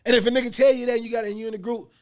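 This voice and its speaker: A man hosts a casual podcast interview, his very high voice going rapid-fire as he animatedly asks about his guest's story. He talks in profane street slang, often dropping "you know what I'm saying."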